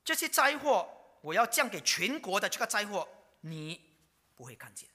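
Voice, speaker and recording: Lively bright preacher. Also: medium pitch, normal speed. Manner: dramatic, asks rhetorical questions, drops to a whisper. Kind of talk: sermon. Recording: long reverb of a large hall.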